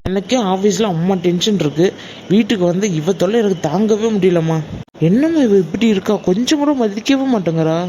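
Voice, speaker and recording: A woman's voice: medium pitch, animated, a little fast, mellow, a little hiss or hum, close to an everyday voice. A woman voicing a demanding, rude young husband in a cartoon, barking at his wife. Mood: angry. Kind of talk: cartoon voice acting.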